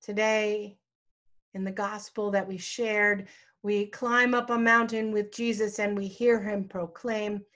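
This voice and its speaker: A middle-aged woman pastor preaching a sermon, telling a personal story with a slow storytelling cadence and dramatic pauses. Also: mid-range voice, fairly bright tone.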